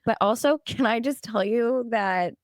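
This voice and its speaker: A woman in her late thirties co-hosting a podcast in lively casual chat, laughing often, her voice a little strained. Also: fairly high pitch, moderate pace, dry recording, clean studio sound. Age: 30s. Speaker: podcast co-host.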